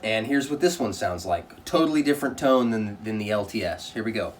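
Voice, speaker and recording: A man's voice: on the low side, expressive, fairly quick, recorded from a distance, slight background noise. A man giving a casual product review in a plainspoken, conversational way.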